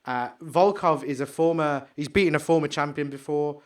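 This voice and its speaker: A man co-hosting a podcast, chatting excitably and rambling, trailing off into mumbles while he searches. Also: on the high side, moderate pace. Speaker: podcast co-host. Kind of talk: casual chat.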